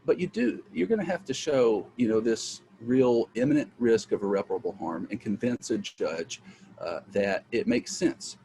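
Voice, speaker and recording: A man's voice: mid-range voice, expressive, normal speed, warm tone, rough recording. A man speaking as a legal aid attorney on a conference panel, in a conversational way with lots of "you know" and "uh" fillers. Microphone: home computer mic on a video call. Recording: video call audio with faint background noise.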